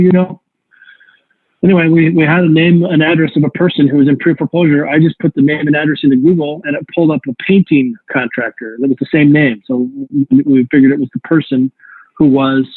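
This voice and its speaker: Male real estate instructor, a bit high-pitched, loose and conversational, restarts mid-sentence; phone-like, dry video-call audio. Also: no room sound. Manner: conversational, rambling with self-corrections. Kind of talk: live online workshop teaching.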